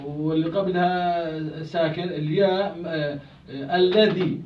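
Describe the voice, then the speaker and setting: A man's voice: a little high, fairly even intonation, measured pace. A man answering as a student in a class, hesitant and searching for words. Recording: echoey room, far from mic, dull.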